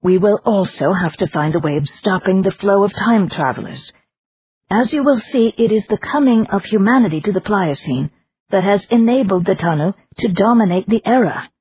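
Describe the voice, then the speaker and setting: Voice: mid-range voice, lively intonation, normal speed, breathy edge, voice pushed up. A narrator voicing a scheming elderly woman leader who speaks formally and precisely, in an audiobook. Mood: insistent. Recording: dull lo-fi audiobook recording.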